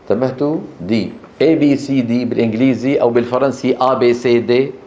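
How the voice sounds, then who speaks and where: A man teaches a classroom lecture on Quran recitation, explaining slowly and repeating key terms. He keeps checking that students are following with short questions, his medium-pitched voice steady and mellow.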